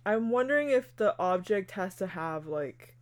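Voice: mid-range voice, animated, normal speed. A podcast co-host in casual chat, retelling an anime episode step by step with lots of fillers like "like" and "you know". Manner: narrates plot steadily with fillers like "like" and "you know".

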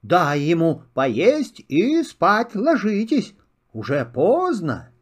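A kind mother hare in a children's storybook, gentle and motherly, as an older man puts her on. She speaks slowly with a lively, rising pitch. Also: heavily acted.

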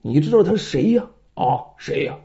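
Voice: medium pitch, animated, normal speed, creaky, pitched below the performer's own voice. Storyteller doing a jittery little robber sidekick whispering warnings, muffled lo-fi. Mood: anxious. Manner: urgent hushed whisper. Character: short nervous male robber sidekick. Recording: dull lo-fi recording.

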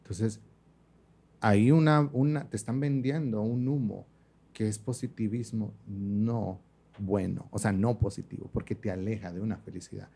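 Laid-back man, lowish voice. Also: normal speed, creaky, slightly rough. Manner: animated storyteller, acts out quoted voices, laughs often. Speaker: makeup artist guest. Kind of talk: casual conversational interview.

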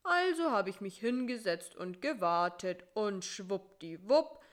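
A woman voicing a sleepy, timid male spider who answers in a slow, know-it-all way. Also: mid-range voice, lively intonation, close to an everyday voice.

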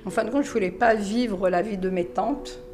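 A middle-aged woman from France recounting her own life story, acting out what others said and sometimes dropping to a hush. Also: medium pitch, moderate pace, music in the background. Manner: acts out quoted dialogue in her story, drops to hushed asides. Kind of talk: personal storytelling.

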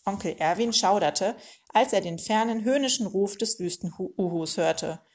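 A woman reading a children's book aloud in a lively, expressive way. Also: medium pitch, moderate pace. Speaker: storyteller.

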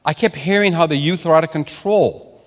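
With a long reverb tail behind him, this slightly high-voiced man speaks at a normal pace while delivering a sermon to his congregation. Originally from Mexico with Spanish as his first language, he tells stories and often repeats words and starts over.

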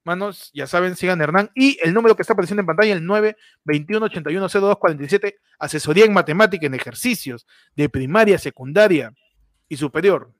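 A man hosting a podcast, joking excitedly and laughing as he plugs a friend's channel. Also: high voice, fast, no room sound, clean studio sound. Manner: excitable, laughing, playfully mock-amazed. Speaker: podcast host. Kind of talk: joking podcast banter with live promotion.

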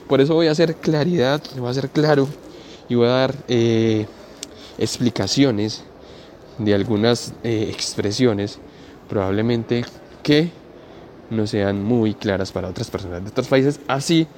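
A man tells a story in a loose, chatty way, full of local slang. He often stops to explain his expressions to listeners from other countries. His voice sits at an average pitch, with faint noise in the background. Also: darkish tone. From Colombia. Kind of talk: spoken storytelling.

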